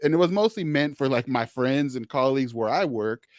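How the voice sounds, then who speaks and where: A man's voice: mid-range voice, expressive, fairly quick, no echo, studio quality. A man hosting a social work podcast who talks in a rambling, conversational way, restarting sentences and filling gaps with "you know". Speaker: podcast host, social worker.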